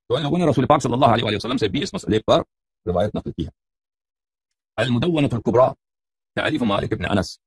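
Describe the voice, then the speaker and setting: A man's voice: lowish voice, husky, no echo. A middle-aged man giving a religious lecture, reading Arabic book titles and explaining them in Urdu, asking his listeners questions, with a mocking edge. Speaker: religious debater.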